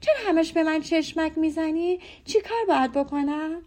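A woman's voice: very high voice, darkish tone, voice pushed up. A woman voicing an innocent, puzzled teenage girl in an audiobook, asking wide-eyed questions.

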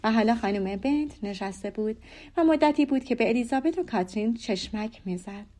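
A woman narrating a classic novel as an audiobook in a calm, measured storytelling manner. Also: a little high. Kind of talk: scripted narration.

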